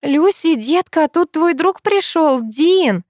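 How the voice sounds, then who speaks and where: A woman's voice: sits high, animated, slow, darkish tone, dry recording, clean studio sound, pitched above the performer's own voice. Woman doing a nervous, coaxing mother. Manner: sweet, placating.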